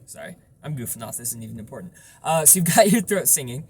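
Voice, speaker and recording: A man's voice: mid-range voice, big pitch swings, fast talker, darkish tone. A man giving an informal, explanatory tutorial on vocal technique, stressing points through repetition.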